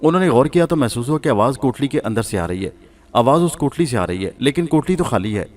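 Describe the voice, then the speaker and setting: A man's voice: mid-range voice, animated. Man narrating a suspense story. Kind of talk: scripted narration of a suspense horror serial.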